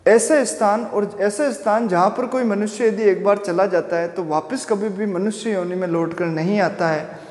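High-voiced man teaching physics, echoey room. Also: darkish tone. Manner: explains step by step with questions to students; chants Sanskrit verses slowly. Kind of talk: classroom lecture.

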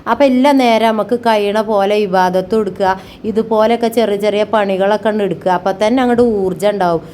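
A middle-aged woman, talking warmly to her viewers as if to her own children about her household work, with frequent tag words. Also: medium pitch, fast, a little hiss or hum. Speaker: family vlogger. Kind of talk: homey chatty voice-over about housework.

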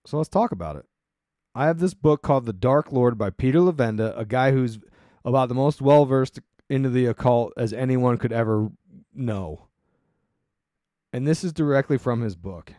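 A man's voice: mid-range voice, lively intonation, moderate pace, dark tone, dry recording. Guy rambling on his podcast, sarcastic asides, dead dry sound, no room at all. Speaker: podcast host. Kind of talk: casual solo commentary.

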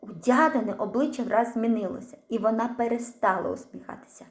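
A woman reading a children's story aloud, acting out the characters with an expressive voice. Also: fairly high pitch, fairly quick, reverberant.

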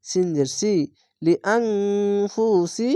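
A woman teaching Quran reading from Bangladesh, spelling each syllable slowly, then blending it into the whole word. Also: medium pitch, animated, dark tone, smooth, no room sound, studio quality. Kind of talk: slow spelled-out recitation lesson.

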